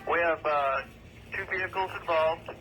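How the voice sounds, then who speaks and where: A firefighter on an emergency two-way radio, giving steady, clipped scene reports with short pauses. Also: male voice, on the high side, faint music behind, poor audio. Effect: two-way emergency radio transmission. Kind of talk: terse radio dispatch report.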